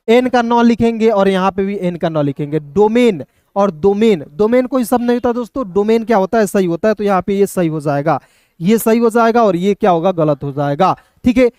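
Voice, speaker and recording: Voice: mid-range voice, a little mellow, no echo, clean studio sound. Patient online teacher spelling words out. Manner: spells words out letter by letter, then reads them slowly; keeps addressing viewers as friends, asks and answers own questions. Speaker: English reading teacher.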